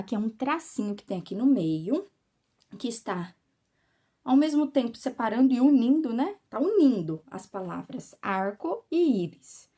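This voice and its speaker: A woman's voice: on the high side, dark tone. Patient Brazilian woman teaching children. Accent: Brazilian Portuguese. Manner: patient, explains slowly and checks understanding with "ok?" and "tá?". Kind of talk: online class for children.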